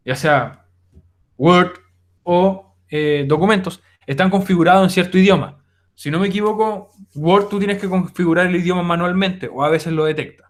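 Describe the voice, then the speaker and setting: A young man explaining a lesson on a screen recording, talking informally to his students with many fillers. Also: high-pitched. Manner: informal, addresses students directly, frequent fillers. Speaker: teacher. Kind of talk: recorded online class explanation.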